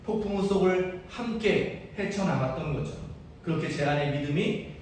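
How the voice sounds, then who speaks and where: A male priest preaching an earnest, personal sermon, slightly higher-voiced than most men. His voice rings out across a big echoey church sanctuary, picked up from well off the mic, with faint noise underneath. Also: normal speed, a little mellow, far from the mic. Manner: earnest, personal preaching with self-deprecating asides. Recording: echoey church hall from afar.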